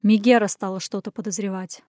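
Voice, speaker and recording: A woman's voice: medium pitch, fairly even intonation, fairly quick, darkish tone, dry recording, studio quality, natural voice. A woman reading an audiobook, voicing a caring, bossy young woman friend who scolds insistently. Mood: confiding.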